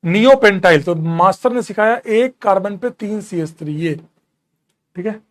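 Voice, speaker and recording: A man with a fairly high voice teaches a chemistry lesson in a relaxed, friendly way. He reassures the students, repeats steps, counts out carbons and keeps telling them there is nothing to worry about. The delivery is that of a chatty classroom teacher. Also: unhurried. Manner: casual, encouraging, calls students bro. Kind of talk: classroom lecture.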